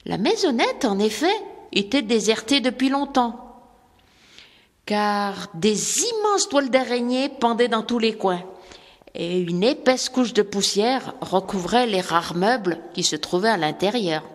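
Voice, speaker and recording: A woman narrating a children's story in a lively, expressive way. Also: a little high, measured pace, in a large hall.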